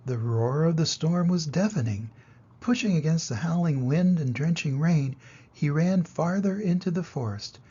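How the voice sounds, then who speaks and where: Playing a grandfather, an older man reads a children's story aloud with expressive, deliberate narration and dramatic emphasis. His voice is fairly high and husky, and the audio sounds dull.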